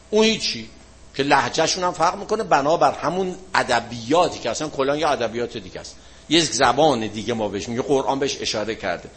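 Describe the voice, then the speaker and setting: A man teaching religion to a class, explaining at an easy conversational pace. He talks casually and piles up everyday examples, and his voice sits at an ordinary middle pitch. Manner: relaxed, colloquial explaining with frequent examples; closes with a chanted-style supplication. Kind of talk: classroom talk with questions from students.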